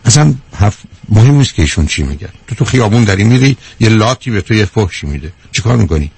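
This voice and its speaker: A man's voice: on the low side, sing-song, vocal fry, a little mellow, slightly rough. A man hosting a call-in advice show, bluntly lecturing a caller with rhetorical questions and calling her dear. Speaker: radio advice host. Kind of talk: call-in counseling.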